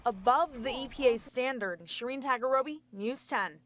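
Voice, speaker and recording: A woman's voice: sits high, normal speed, fairly bright tone. A woman reporting for television news in scripted voice-over narration.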